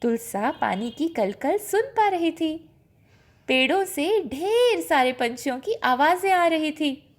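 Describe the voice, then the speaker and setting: A woman narrates a children's story in a high, sing-song voice, moving slowly and expressively with wide intonation shifts that bring drama. There is slight background noise.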